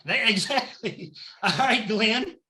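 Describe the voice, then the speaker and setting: Southern male game-show host; bright, high, playful banter. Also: slight background noise. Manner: playful, chatty, quick banter. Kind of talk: upbeat game-show hosting.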